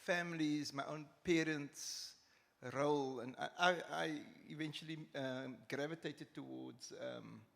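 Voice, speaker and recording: A man, speaking as a panel guest at a festival, reflective and halting. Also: a little high, vocal fry, fairly bright tone. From Cape Town, South Africa. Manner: reflective, halting, with many restarts. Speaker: panel guest, criminology academic. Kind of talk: live panel discussion. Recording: hall with long reverb.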